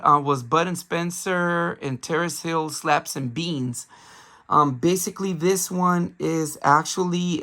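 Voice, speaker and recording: A man's voice: fairly high pitch, gravelly, sharp tone. A young man hosting a casual game-haul vlog, his voice worn from a cold, rambling with lots of fillers. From Bay Area, California. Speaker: video game collector vlogger.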